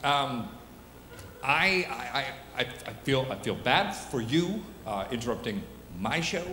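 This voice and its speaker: A man's voice: medium pitch, expressive, unhurried, bright, forceful tone, a little hiss or hum. Echoey stage show host, a man. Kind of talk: live stage comedy show patter. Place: large theater stage. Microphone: handheld microphone. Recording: echoey theater sound system, music behind.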